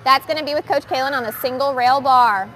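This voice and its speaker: High-voiced upbeat woman gymnastics coach. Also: brisk. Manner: upbeat, switches between calm explaining and loud calls to the kids. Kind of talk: live coaching demo addressing kids and viewers. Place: indoor gymnastics gym. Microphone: wearing the microphone.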